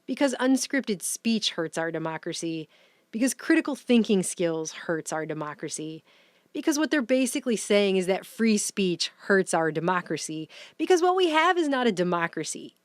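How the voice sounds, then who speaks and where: A woman giving casual, sarcastic commentary in long, rapid run-on rants. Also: mid-range voice, sing-song, dry recording. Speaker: vlogger, commentator.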